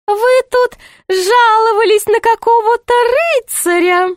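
Sly, sweet-voiced male jester, played by a woman, squeaky and drawn-out, for a dry close storybook read. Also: no echo.

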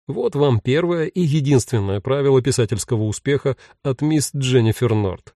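Guy reading an audiobook, wry and ironic, dark mellow voice, dry close mic. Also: medium pitch, lively intonation, moderate pace, no room sound. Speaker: audiobook narrator. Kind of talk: scripted storybook narration.

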